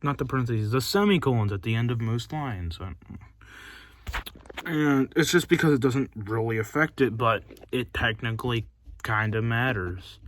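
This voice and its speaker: A man's voice: mid-range voice, slight background noise. A man talking casually into a phone while recorded inside a small closet. He rambles, fills gaps with ums and likes, and loses his train of thought. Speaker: vlogger.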